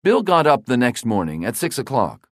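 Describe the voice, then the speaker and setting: Male narrator, dramatic audiobook reading, measured, lively intonation, dry close recording. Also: medium pitch, no room sound.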